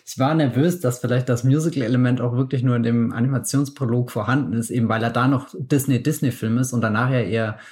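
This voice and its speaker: A man's voice: medium pitch, fairly even intonation, fast, hardly any pauses, darkish tone. Man, podcast co-host, casual film chat, rambling, thoughtful. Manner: thoughtful, rambling, laughs often.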